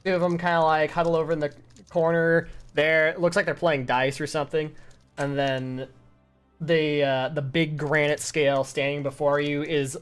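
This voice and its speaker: A game master narrating a tabletop game casually and haltingly, with muttered, sweary asides. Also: mid-range voice, little pitch movement, clean tone, soft background music.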